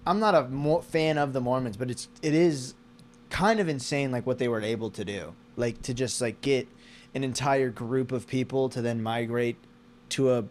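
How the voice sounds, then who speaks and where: An American man chatting casually and haltingly, searching for words and restarting as he rambles. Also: mid-range voice, darkish tone.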